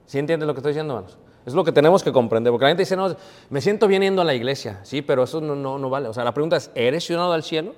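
Male preacher, chatty sermon, bit high-pitched, lingering hall reverb. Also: racing, darkish tone. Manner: conversational, asks the audience rhetorical questions. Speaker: preacher teaching a Bible class.

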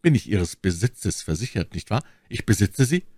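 A man's voice: fairly low pitch, very animated, moderate pace, a little mellow, no echo, studio quality. A man voicing a gallant, earnest young swordsman who speaks in a courtly, pleading way in an audiobook. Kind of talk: audiobook character voice.

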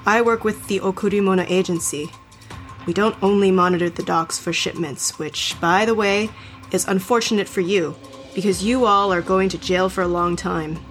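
A woman's voice: medium pitch, fairly even intonation, moderate pace, faint music behind, natural voice. A woman playing a confident, cool secret agent in an action audio drama. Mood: cool, threatening.

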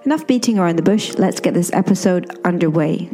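A woman's voice: on the low side, animated, a little fast, dark tone, soft background music. A woman hosting a conversational podcast interview, talking like an English tutor.

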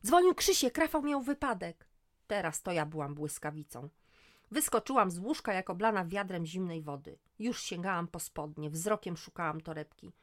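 A middle-aged woman reading a first-person story aloud, lifting her voice for the dialogue. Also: normal speed. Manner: voices dialogue with lively rises in pitch. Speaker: audiobook narrator. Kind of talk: first-person audiobook narration.

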